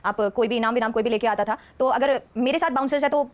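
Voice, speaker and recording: A woman's voice: fairly high pitch, quick pace. A woman, a stage dancer, telling stories as a podcast guest and often laughing mid-sentence. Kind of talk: casual storytelling interview.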